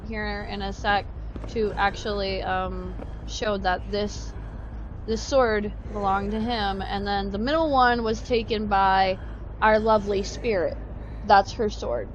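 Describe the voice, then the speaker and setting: A woman hosting casual let's-play commentary, excitable and thinking aloud, with a lisp from wearing braces. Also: on the high side, highs cut off. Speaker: host of a gaming channel. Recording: clearly noisy background hum.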